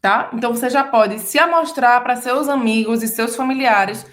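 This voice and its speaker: A Brazilian woman with a Brazilian Portuguese accent co-hosts a relaxed French lesson. Her voice sits a little high. She breaks French pronunciation down step by step for learners. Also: moderate pace. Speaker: French teacher. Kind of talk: casual bilingual language lesson.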